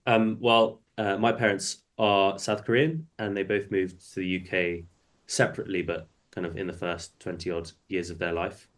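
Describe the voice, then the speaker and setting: Uk guy with a very low voice, co-host, calm and thoughtful. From United Kingdom. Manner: thoughtful, measured. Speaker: podcast co-host. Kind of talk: casual chat.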